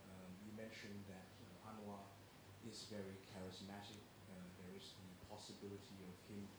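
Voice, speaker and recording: A man from Malaysia asking a question from the floor of a talk, polite and a little halting, his voice low. The room echoes heavily and there is clear background noise. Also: little pitch movement. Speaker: audience member asking a question. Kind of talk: audience question.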